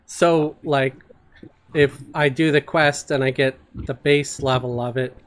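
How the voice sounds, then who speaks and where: Brief: relaxed male streamer, halting, filler-heavy chat while gaming. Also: mid-range voice. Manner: hesitant, many fillers, reads viewer messages aloud. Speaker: streamer playing an online role-playing game. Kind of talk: casual live-stream chat over voice chat.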